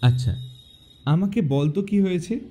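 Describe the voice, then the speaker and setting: A teasing young friend in an audio drama, playful and unhurried. His voice is mellow and fairly high, swinging freely in pitch. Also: expressive.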